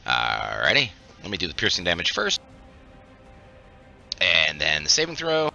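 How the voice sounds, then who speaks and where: A man's voice: low-pitched, wildly swooping pitch, unhurried, vocal fry, pushed and bright, highs cut off, faint music behind. A man playing a tabletop game, casually narrating moves in a playfully dramatic way.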